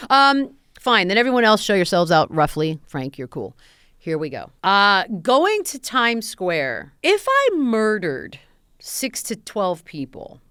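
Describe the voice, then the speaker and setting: A woman in her forties co-hosting a podcast, blunt and sarcastic in casual chat. Her fairly low voice swings widely in pitch as she riffs. The sound is dry and close. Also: fairly bright tone, clear, resonant tone, dry recording. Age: 40s. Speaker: podcast co-host.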